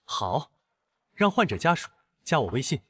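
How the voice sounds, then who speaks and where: Worried neighbors in a drama, hesitant and pleading. His voice is husky and a little high, and it bounces about a lot. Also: big pitch swings, moderate pace, fairly bright tone, exaggerated voice.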